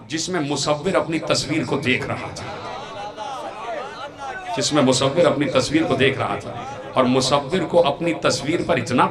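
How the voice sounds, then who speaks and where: A man with a Pakistani Urdu accent preaching a sermon to a gathering, emphatic and repetitive, calling on the audience to answer. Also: on the high side. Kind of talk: religious sermon to a crowd. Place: outdoor gathering with a crowd. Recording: crowd noise behind a public-address voice. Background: crowd.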